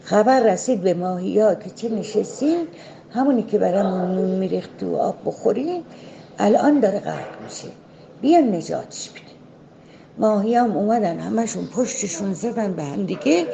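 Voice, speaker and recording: Gravelly-voiced woman telling a folktale. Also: medium pitch, dark tone, rough recording. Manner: conversational, with side remarks to the listener. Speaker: storyteller.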